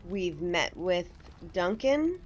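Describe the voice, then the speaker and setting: This woman's voice is on the low side, with big pitch swings and a slow delivery. She's hosting a casual video game walkthrough, conversationally explaining things as she goes, with game music behind her. The audio is dull, carrying a slight hiss or hum.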